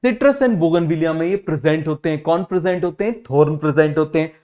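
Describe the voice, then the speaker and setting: A male teacher giving an online biology lesson in Hindi-English mix, repeating key terms and urging students to answer quickly. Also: fairly high pitch, darkish tone, lo-fi sound. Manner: repetitive, keeps asking students to answer quickly; drills terms by repeating them slowly.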